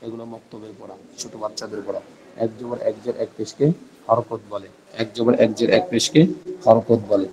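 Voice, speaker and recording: A man's voice: lowish voice, flat delivery, normal speed, dark tone, rough recording. A man teaching Arabic grammar in an online class over a video call. He repeats key terms so students can memorize them and often checks whether they follow. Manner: checks in with frequent rhetorical questions.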